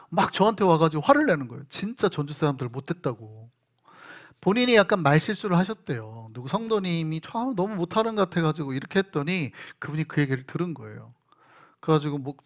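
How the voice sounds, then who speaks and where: A man preaching a sermon as pastor, telling stories in an animated way and acting out bits of dialogue. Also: on the high side. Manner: storytelling, animated, acts out dialogue. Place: church sanctuary.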